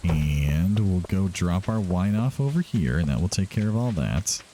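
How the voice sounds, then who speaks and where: A man's voice: low voice, expressive, unhurried, warm tone, slight background noise. A man doing casual let's-play commentary as a gaming host, chatting to himself and to the game's characters. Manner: talks to himself and to game characters.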